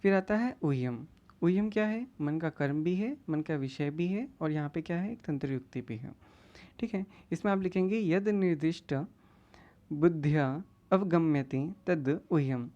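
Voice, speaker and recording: A woman with a low, mellow voice gives an exam-prep lecture, reading out each classical term and then explaining it in plain everyday words. The audio is dull and lo-fi. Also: lively intonation, normal speed. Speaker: teacher.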